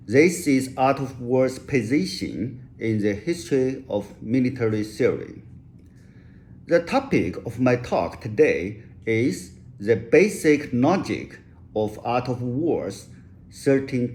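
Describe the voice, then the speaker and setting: Slowly and with care, a Chinese-native male author works through a rehearsed English lecture in a mid-range, dark voice. Occasional restarts break up his speech.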